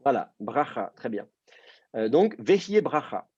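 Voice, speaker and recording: A man teaching a Hebrew reading class, explaining step by step and often pausing with fillers. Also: mid-range voice, sing-song, darkish tone, breathy edge, dry recording. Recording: dull lo-fi dry sound.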